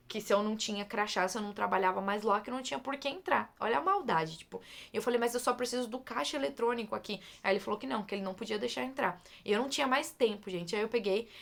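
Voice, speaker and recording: Fast-talking woman with a gravelly edge. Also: on the high side. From Brazil. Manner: lively, repeats words for emphasis, addresses listeners as "gente". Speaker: storyteller. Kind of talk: casual personal storytelling.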